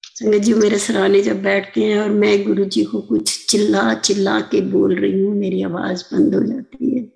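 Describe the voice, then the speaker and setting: A woman's voice: medium pitch, fairly even intonation, normal speed, vocal fry, a little mellow, rough recording. An older woman earnestly telling a devotional story on a video call, often addressing the listeners as sangat ji. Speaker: satsang speaker.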